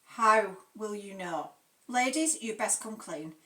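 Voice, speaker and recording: A woman's voice: medium pitch, expressive, takes it slowly, pushed and bright, echoey room, far from the mic. A woman reading aloud and voicing a blunt, exasperated woman sleuth.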